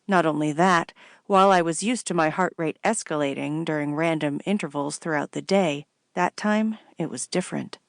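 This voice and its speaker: A woman reading a first-person novel aloud in a measured, wry way. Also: low-pitched, gravelly, no room sound, clean studio sound. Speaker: audiobook narrator.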